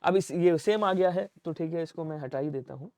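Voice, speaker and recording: A male teacher, giving an exam-prep lesson. He drills students with quick questions and answers and repeats each spelling. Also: fairly high pitch, darkish tone, dry recording. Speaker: Hindi teacher.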